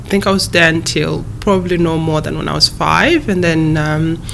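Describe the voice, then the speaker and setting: Thoughtful woman speaking with careful pauses. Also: low voice, vocal fry, fairly bright tone, a little hiss or hum. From East Africa. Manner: measured and careful, with frequent pauses and restarts. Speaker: guest, human rights advocate. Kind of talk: thoughtful interview answers.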